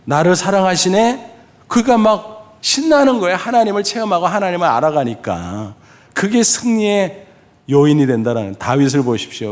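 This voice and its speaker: A middle-aged man preaches a sermon with a fairly high voice. He talks straight to the congregation with questions. When he acts out quoted voices, his pitch leaps up. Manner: lively preaching, speaking directly to the congregation with questions. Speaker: pastor.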